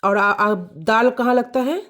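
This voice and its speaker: A woman explains a grammar lesson to children at an unhurried pace. She repeats words over and over and keeps checking that they follow. Her voice sits a little high. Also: fairly even intonation, fairly bright tone. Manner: repeats key words, checks "clear?" and "ठीक है". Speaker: teacher.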